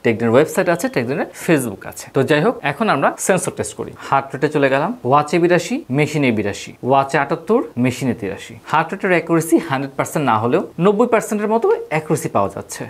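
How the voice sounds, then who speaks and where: Fast-talking low-voiced woman. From Bangladesh. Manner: chatty, keeps addressing viewers directly, mixes in English words. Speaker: tech shop product reviewer. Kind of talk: casual hands-on product review.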